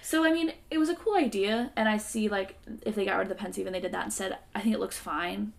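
Young adult woman, podcast co-host, heavy vocal fry, casual and wry delivery. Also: medium pitch, fast. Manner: chatty, wry, hedging with fillers.

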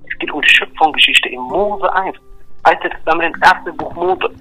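Emphatic bright-voiced man explaining faith. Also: a little high, wildly swooping pitch, normal speed, vocal fry, faint music behind, rough recording. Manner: emphatic, repetitive, checks in with "ja?" and "verstehst du?". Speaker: religious explainer. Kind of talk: earnest one-on-one religious explanation.

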